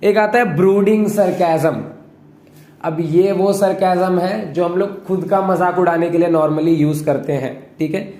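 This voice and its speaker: High-voiced young man explaining, echoey room. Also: fairly even intonation, measured pace, warm tone. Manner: keeps checking in with listeners. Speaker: host explaining a topic. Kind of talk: casual explanatory talk.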